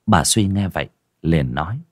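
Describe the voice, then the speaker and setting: A man's voice: sits low, expressive, moderate pace, no echo, clean studio sound. A man narrating an audio horror story in a dramatic, lurid storytelling manner.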